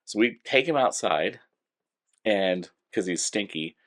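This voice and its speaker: A man co-hosting a podcast, telling childhood stories in a casual, animated way with lots of laughing and acted-out quotes. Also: lowish voice, a little slow. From California. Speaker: podcast co-host. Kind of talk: casual storytelling chat.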